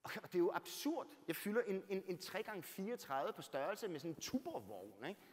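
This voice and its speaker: Man, author, storytelling talk, fairly high voice, big swings from loud to hushed, long church echo. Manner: animated, swinging from loud bursts to near-whispers; rhetorical, keeps adding "right?".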